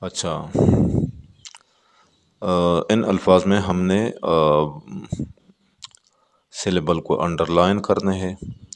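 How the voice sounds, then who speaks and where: A male teacher with a Pakistani accent works through a textbook exercise. His voice sits very low. He speaks at a very slow, deliberate pace, and the room rings with a long reverb. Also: steady tone, a little hiss or hum. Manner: reads English words slowly, then explains them in Urdu-flavoured Hindi. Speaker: English teacher.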